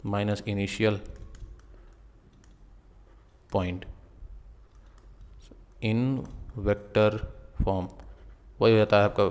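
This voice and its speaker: Male physics tutor, low pitch, smooth voice, long reverb, step-by-step explaining. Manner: explains step by step, often checks in with the viewer; mixes English terms and sentences into Hindi. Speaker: physics teacher. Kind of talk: online lecture.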